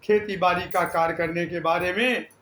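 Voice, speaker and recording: An older man slowly recounting his life story, pausing often and restarting his words. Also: high-pitched, steady tone, fairly bright tone, slight background noise. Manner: slow, deliberate, with pauses and restarts. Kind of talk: spoken life-story narration. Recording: echoey room.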